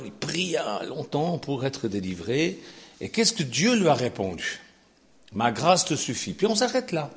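An older man preaches a sermon with sarcasm and animation, dropping into low asides and then rising to shouted peaks.

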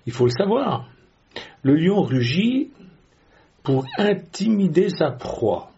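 A man's voice: on the high side, very animated, takes it slowly, warm tone, dull audio, slight background noise. A man preaching a sermon in a conversational way, with rhetorical questions and frequent hesitations.

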